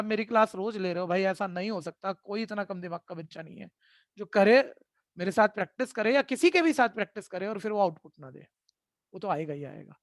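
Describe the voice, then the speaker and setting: A man's voice: high-pitched, no room sound, clean studio sound. A man teaching math in an online class, sternly lecturing and scolding his students and often checking that they follow. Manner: keeps asking "ठीक है?" to check in. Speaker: math tutor.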